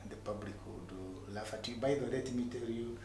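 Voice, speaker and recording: A middle-aged man with a Ugandan accent tells his personal story in a motivational way, haltingly, repeating words for emphasis. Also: on the low side, steady tone. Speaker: entrepreneur guest telling his story. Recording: echoey room with clear background noise.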